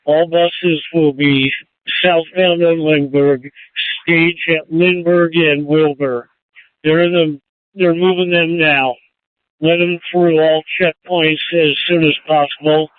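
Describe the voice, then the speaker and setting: Taking it slowly with a steady tone, a slightly high-voiced security post officer gives clipped, matter-of-fact reports as radio dispatch traffic. The dry recording is heard as a tinny, dry two-way radio transmission.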